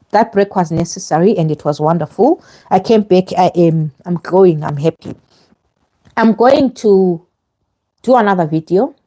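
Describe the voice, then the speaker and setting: A woman's voice: medium pitch, mellow. A woman live streaming visa advice; her microphone sound is fuzzy and distorted, and she speaks in a direct, emphatic way that repeats itself. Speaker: vlogger giving visa advice. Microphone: clip-on microphone, later removed.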